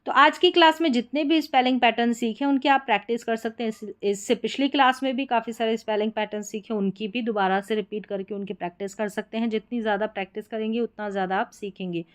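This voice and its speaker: A woman teaching English spelling with a slightly high voice. She goes letter by letter, repeats each word slowly, and keeps asking the class what it reads. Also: fairly even intonation, clear, resonant tone. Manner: patient, repeats words slowly and asks questions back. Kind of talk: explaining spelling lesson.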